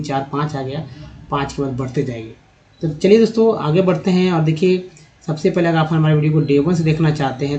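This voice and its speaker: In an online phonics lesson, a man with a Hindi accent teaches English reading, saying words from lists one at a time and adding short pronunciation notes. His voice is a little high and mellow, and the audio sounds dull.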